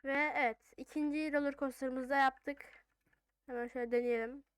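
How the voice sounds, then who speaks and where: A woman's voice: sits high, steady tone, moderate pace. A woman giving casual gameplay commentary, thinking aloud in an informal way as she plays. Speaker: gaming video host.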